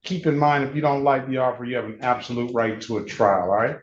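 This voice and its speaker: A man's voice: mid-range voice, fairly even intonation, fast talker. Man, judge, courtroom recording, dull lo-fi sound, faint hiss, procedural, matter-of-fact. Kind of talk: court proceedings, reading case calls.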